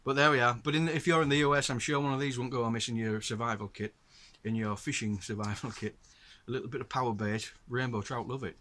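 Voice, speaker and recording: He talks fast with few pauses, his mid-range voice fairly even in intonation and sharp in tone, over a little hiss or hum. The speaker is a middle-aged host from the north of England with a Northern English accent, patiently explaining his gear to viewers in a casual show-and-tell.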